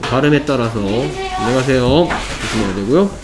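A man's voice: medium pitch, expressive, moderate pace. Male English teacher, patient and repetitive, vocabulary lesson, faint room noise. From South Korea. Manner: explains step by step, repeats words, says "okay" often.

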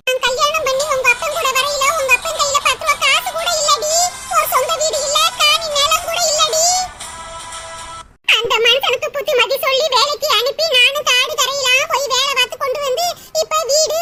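A woman's voice: extremely high pitch, bright, forceful tone. A woman voicing an older village mother in a cartoon who lectures and scolds her daughter at length. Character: chatty older village mother giving advice. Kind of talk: cartoon voice acting. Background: music.

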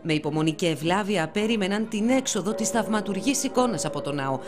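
A woman narrating a news report calmly and formally. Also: mid-range voice. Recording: loud music bed.

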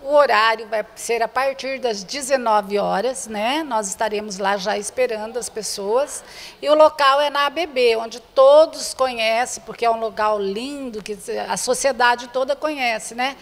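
An older Brazilian woman, president of an association, is interviewed about a charity event and invites the public to attend. Her fairly high voice moves at normal speed as she earnestly repeats her points to viewers, and the handheld reporter's mic held before her picks up the noticeably reverberant sound of a bare-walled indoor room.

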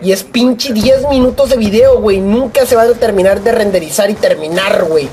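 Profane Mexican man yelling at a shooter game. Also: sits high, fairly quick, a crowd in the background. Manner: profane, excitable, yells at opponents; rambling jokey asides. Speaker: gaming YouTuber. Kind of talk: live gameplay commentary.

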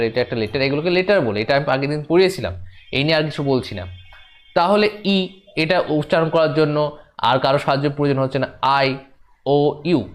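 Male teacher, fairly high voice, slow and repetitive, talks straight to the class. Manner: slow, repeating points, addressing students directly. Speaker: teacher giving a demo class. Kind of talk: classroom lesson.

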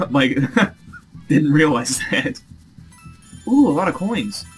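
A young man giving casual, excitable gameplay commentary as a let's play host. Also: a little high, faint music behind. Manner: excitable, quick reactions.

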